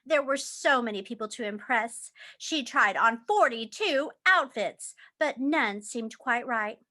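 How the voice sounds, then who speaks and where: Woman, high pitch, lively swooping intonation, animated storybook read-aloud, emphatic phrasing. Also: unhurried.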